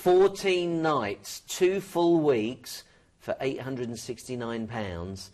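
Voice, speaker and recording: A man hosting a TV travel shopping show, pitching holiday deals with upbeat, salesy energy. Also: takes it slowly. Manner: upbeat, salesy, pitch rises when excited. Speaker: TV shopping host. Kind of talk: enthusiastic sales presentation.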